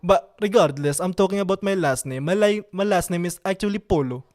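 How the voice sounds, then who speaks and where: A man's voice: sits high, fairly quick, darkish tone. A man with an Italian accent, hosting a casual live stream from his computer, playful and joking and repeating himself. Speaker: livestream host.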